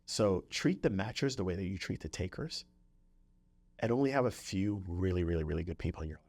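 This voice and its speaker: A man with a low, slightly darkish voice hosts a podcast at a somewhat quick pace. His style is conversational and motivational: he repeats phrases for emphasis and keeps checking in with the listener.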